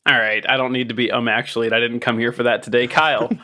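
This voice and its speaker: A man banters on a comedy podcast, asking teasing questions in halting, restarting phrases. His voice is bright and sits at an average pitch. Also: little pitch movement. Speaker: podcast co-host.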